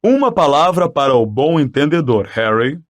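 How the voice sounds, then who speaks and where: A man voicing a vain, jovial and pompous male professor in an audiobook, booming and patronizing. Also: lively intonation, normal speed. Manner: booming, patronizing, self-important. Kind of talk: audiobook character voice.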